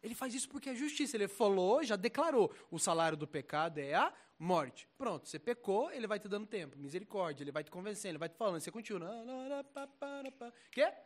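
A young Brazilian man preaching a casual, slangy sermon, animated and swinging between loud and soft. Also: sits high, fast, few pauses.

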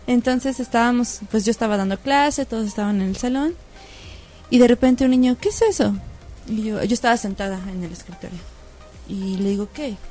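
Animated Mexican woman teacher telling a story. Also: a little high, moderate pace, soft background music. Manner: animated, acts out quotes. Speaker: primary school teacher. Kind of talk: casual storytelling.

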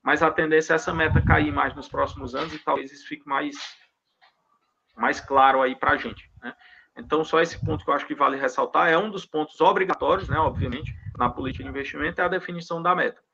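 A man's voice: a little high, fairly even intonation, vocal fry, sharp tone, a little hiss or hum. A man, a consultant guest, explaining investment rules step by step and often checking in with his listeners. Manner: fast, step-by-step explaining with frequent "né?" tags. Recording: dull lo-fi audio.

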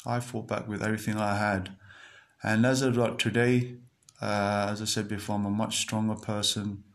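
Earnest lower-voiced man giving pep talk. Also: flat delivery, normal speed, gravelly. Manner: earnest, repetitive, many fillers and restarts. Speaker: podcast host. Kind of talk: motivational monologue.

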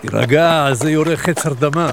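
A calm, laconic tracker with a gravelly voice. Clear noise runs under the recording. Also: male voice, fairly high pitch. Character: calm gruff male animal tracker with a rifle.

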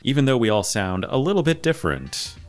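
A man hosts a casual podcast with faint music behind him, chatting in a relaxed, conversational way and reading out listener topics and news items. His voice is mid-range and fairly quick.

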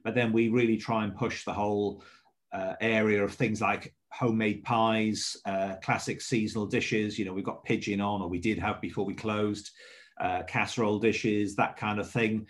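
A middle-aged man from Swansea with a mild South Welsh accent, giving measured, explanatory answers as a hotel manager being interviewed. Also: lowish voice, steady tone. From Swansea, South Wales.

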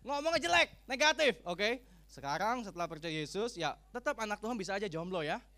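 A man preaching a sermon, humorous and animated, acting out what people say. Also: high voice, fairly quick. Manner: humorous, animated, acts out quoted speech. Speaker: pastor.

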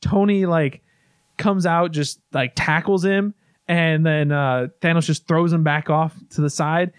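A man's voice: a little high, fairly even intonation, unhurried, smooth, no echo, clean studio sound. A man casually recapping a movie in long, rambling stretches, restarting often and swearing now and then.

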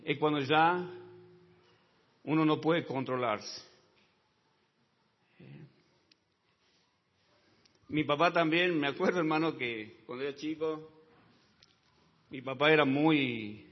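Spanish-speaking preacher, booming reverberant hall. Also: male voice. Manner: addresses listeners as brother, tags lines with amen; swings between low quiet asides and loud high shouting. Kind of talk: sermon. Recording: dull sound with long reverb in a large hall.

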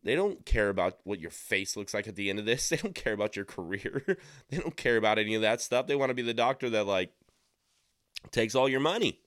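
A man with a smooth, resonant, lowish voice talks through a loose, sarcastic podcast monologue, full of ums and restarts. The sound is dry and close, with no room around it. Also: lively intonation, fairly quick, a bit bright, no room sound. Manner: rambling and sarcastic, with frequent fillers. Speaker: podcast host. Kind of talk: casual opinion monologue.

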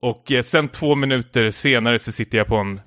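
Man, casual podcast storyteller, rambling with fillers, mid pitch, close dry mic. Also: a bit bright, no room sound. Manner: rambling storyteller, heavy filler words, stumbles and restarts. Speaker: podcast co-host telling a story. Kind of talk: casual chat, anecdote.

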